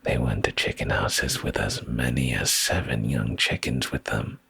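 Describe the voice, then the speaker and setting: A man reads a bedtime story as ASMR, speaking softly and close to the microphone in a deep, gravelly, breathy voice that frequently becomes a whisper. The delivery is unhurried, sleepy and calming, with no echo.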